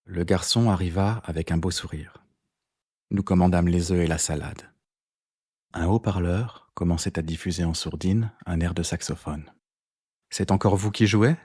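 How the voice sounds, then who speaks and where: A man narrating a novel as an audiobook in a measured, even reading. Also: low voice, slightly rough, dry recording, clean studio sound. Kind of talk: scripted narration.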